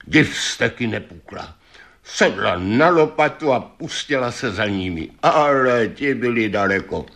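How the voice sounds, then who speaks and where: A man reading a fairy tale aloud as storyteller, with lively, shifting delivery. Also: mid-range voice, vocal fry.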